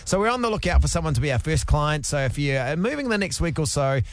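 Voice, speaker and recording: A man with a New Zealand accent co-hosts a radio show. His voice sits a little high and moves with lively intonation. The sound is dry and studio-close, the talk casual banter. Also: fast, dry recording. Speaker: radio co-host.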